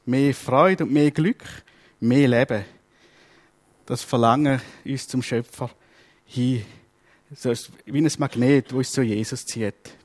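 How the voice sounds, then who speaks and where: A man with a Swiss German accent preaching a sermon, telling stories in a lively way and acting out voices. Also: medium pitch, slow pace, long pauses.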